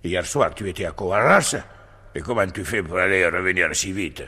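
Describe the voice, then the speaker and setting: An actor playing a bewildered, curious medieval lord who questions and coaxes, in a 1960s radio drama. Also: male voice, low voice, expressive, moderate pace, husky, exaggerated voice. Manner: questioning, coaxing, calls out loudly.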